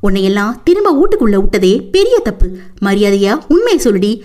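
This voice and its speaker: A woman's voice: on the high side, big pitch swings, moderate pace, darkish tone. A woman voicing a fierce old grandmother in an audiobook, scolding and accusing in a scornful tone.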